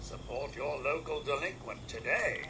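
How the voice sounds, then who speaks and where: A chipper robot lemonade vendor's repeating call. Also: male voice, fairly high pitch, expressive, moderate pace. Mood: cheery. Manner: upbeat sales patter. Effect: repeating sales call heard from a distance. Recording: distant in-game audio with noise.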